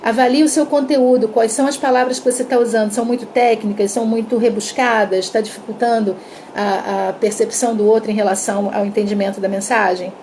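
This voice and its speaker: Coach brasileira de voz aguda e suave. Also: female voice, fairly high pitch, a little fast, slight background noise. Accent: Brazilian Portuguese. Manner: lively, acts out sample dialogues. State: dry throat. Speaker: communication coach. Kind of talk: live online class.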